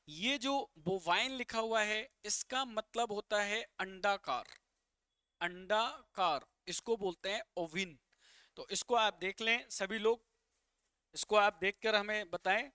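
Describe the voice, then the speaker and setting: Man, teacher, live online vocabulary lesson, bright tense voice, coaxing viewers. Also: sits high, clear, resonant tone, no echo. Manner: explains English words in Hindi, coaxing viewers to comment.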